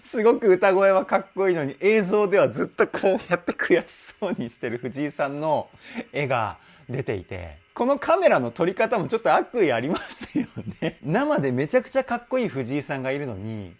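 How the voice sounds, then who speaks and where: Lively Japanese-speaking vocal coach man. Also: a little high, brisk. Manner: animated, enthusiastic explaining. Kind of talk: song reaction and vocal analysis. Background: faint music from the song being analyzed.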